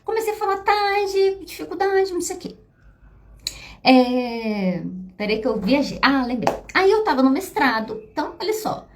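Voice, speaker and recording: A woman's voice: high-pitched, very animated, moderate pace, noisy background. A Brazilian woman, a psychologist hosting a podcast, talking casually and confidingly to her listeners. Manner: chatty, confiding, addresses listeners as "gente". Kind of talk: casual personal talk to listeners.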